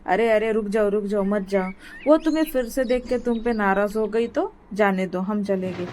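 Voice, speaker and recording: A woman voicing a calm, patient father sparrow in a cartoon story. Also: medium pitch, normal speed, slight background noise, close to an everyday voice.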